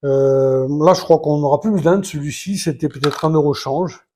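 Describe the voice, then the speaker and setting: A man's voice: fairly high pitch, moderate pace, very noisy. A man talking casually and hesitantly as he builds a model set, counting pieces aloud and restarting his sentences. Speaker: Lego building vlogger. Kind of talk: casual live building commentary.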